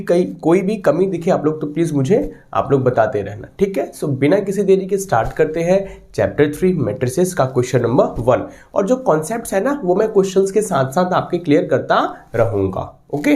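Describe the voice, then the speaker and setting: Lively animated male maths teacher. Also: on the high side, brisk, hardly any pauses. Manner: animated, repeats "ठीक है" and asks students questions. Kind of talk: online maths lesson in Hindi mixed with English.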